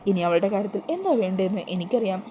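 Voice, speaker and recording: A woman's voice: mid-range voice, big pitch swings, rapid-fire, mellow, a little hiss or hum, natural voice. A woman voicing a sly, scheming woman in a retold TV serial. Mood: gloating. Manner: gloating, sly.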